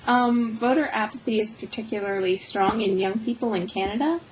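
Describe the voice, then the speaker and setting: A woman interviewer asking measured questions with fillers. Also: mid-range voice, noisy background.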